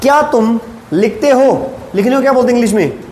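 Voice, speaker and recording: A male English teacher, leading a classroom lesson and drilling short sentences slowly while asking students questions. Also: extremely high pitch, a little mellow. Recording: echoey classroom with faint room noise.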